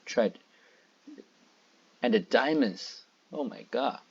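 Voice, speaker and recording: A man reads a storybook aloud for children, slowly and with a very animated pitch. He pauses often to explain words and point out pictures. The recording sounds dull and lo-fi. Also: creaky, a little hiss or hum.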